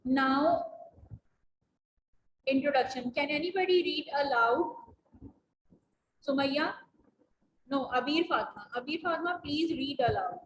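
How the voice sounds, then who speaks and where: A woman with a high voice gives a biology lesson over a video call, repeating each definition patiently for her students. She sounds echoey in the room, with faint noise behind her. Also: unhurried, pauses often. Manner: patient, repeats key points, addresses students as "beta". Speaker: biology teacher. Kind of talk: online class lecture.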